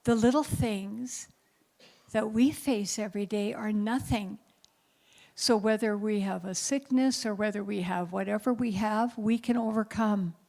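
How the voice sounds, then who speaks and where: Gravelly-voiced woman in her seventies. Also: medium pitch, a little slow, warm tone. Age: 70s. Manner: earnest, exhorting, faith-filled. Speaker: conference speaker. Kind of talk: inspirational talk to an audience. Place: conference breakout room.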